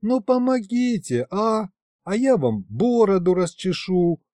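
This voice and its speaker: A man's voice: high-pitched, very animated, slow pace, a little mellow, no echo, clean studio sound, pitched above the performer's own voice, exaggerated voice. A man voicing a young woman who coaxes sweetly, in an audiobook reading. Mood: coaxing. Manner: coaxing.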